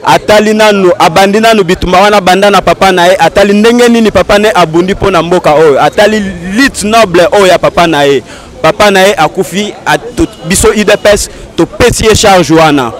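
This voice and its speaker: A man's voice: sits high, a little fast. A man giving an earnest, insistent street interview outdoors in a city. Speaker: interviewee, party supporter.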